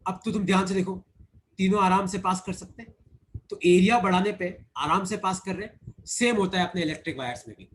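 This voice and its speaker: A man's voice: sits high, a little hiss or hum. A man teaching physics in an online class, explaining step by step, repeating key points and teasing his students.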